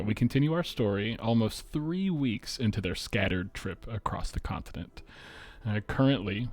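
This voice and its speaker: Low-voiced game master narrating a tabletop session, relaxed and filler-heavy. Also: male voice.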